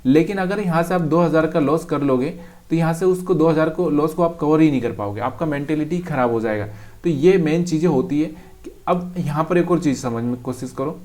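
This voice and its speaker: A man's voice: a little high, a little fast, a little mellow. A man teaches trading over a chart in a casual, direct way, calling the viewer brother. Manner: talks straight to the viewer, calls them brother.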